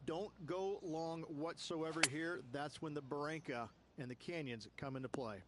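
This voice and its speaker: Higher-voiced male golf analyst over loud noise. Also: normal speed. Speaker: golf commentator, course analyst. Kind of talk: explanatory golf commentary in a video game. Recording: loud ambient noise behind.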